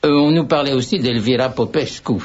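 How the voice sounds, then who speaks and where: A man's voice: mid-range voice, brisk, a little mellow. An older man, a radio guest, telling rambling anecdotes with wry asides. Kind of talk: radio conversation. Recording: dull radio sound.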